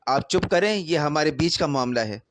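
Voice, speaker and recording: A man voicing a quiet younger son who speaks bitterly and sternly. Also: fairly high pitch, lively intonation, no echo, clean studio sound.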